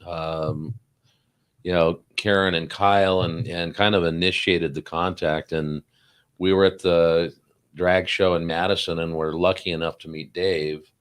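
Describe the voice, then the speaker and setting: A man's voice: deep voice, little pitch movement, measured pace, smooth. A man co-hosting a casual interview, chatty and joking, with plenty of fillers and restarts. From Salt Lake City, Utah. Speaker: podcast co-host.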